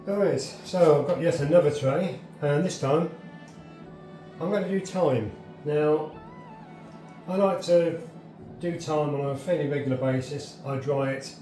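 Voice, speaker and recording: A man with a slightly high, warm voice speaks at a measured pace, the room echoey and soft music playing behind him. He is a gardener in his home kitchen offering a casual, plain, practical walkthrough of drying herbs from his garden.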